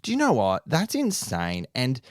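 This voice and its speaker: A man's voice: mid-range voice, wildly swooping pitch, moderate pace, dry recording, clean studio sound. A man co-hosting a podcast, talking enthusiastically about films and wandering off on tangents. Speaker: podcast co-host. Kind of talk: casual film review chat.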